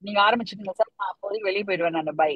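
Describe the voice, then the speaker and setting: High-voiced chatty man on a dry call. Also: rapid-fire, no echo, dull audio. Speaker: participant. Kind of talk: casual group chat.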